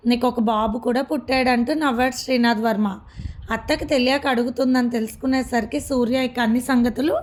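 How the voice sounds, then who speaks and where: Female narrator, slightly high voice, steady storybook reading of a family drama serial. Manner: steady storybook reading, softly voicing the characters' lines. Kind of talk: reading a romance serial aloud.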